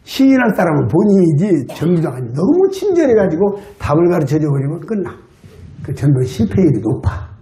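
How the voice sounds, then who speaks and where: A man with a Jeolla Korean accent preaching a sermon at a church camp, telling stories and acting out the people in them. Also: reverberant. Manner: animated, acts out dialogue with high excited voice. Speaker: lay preacher. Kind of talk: sermon with acted-out anecdotes. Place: church hall.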